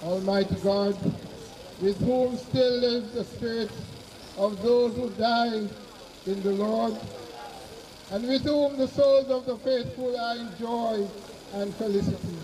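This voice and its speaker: A man officiating as clergyman, reading solemn burial prayers and scripture outdoors in measured, formal phrases. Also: extremely high pitch, steady tone, mellow. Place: outdoor cemetery on open grassy ground. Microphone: far camera behind the speaker. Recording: distant mic outdoors, faint noise.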